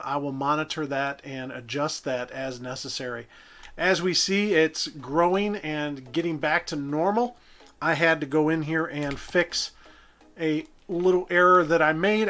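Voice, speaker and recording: A man's voice: fairly high pitch, pushed and bright. A man casually narrating his own gameplay, thinking aloud and correcting himself as he goes. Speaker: gameplay commentator. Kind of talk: casual let's-play narration.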